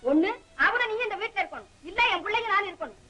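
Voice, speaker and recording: An actress playing a sharp-tongued scheming aunt in an old film, taunting and scolding. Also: female voice, very high voice, expressive, fast. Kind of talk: 1960s film acting.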